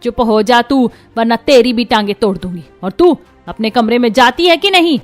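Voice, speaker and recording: A woman voicing a strict but caring middle-aged mother-in-law in an animated story, firm and scolding. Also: on the high side, a little fast, faint music behind.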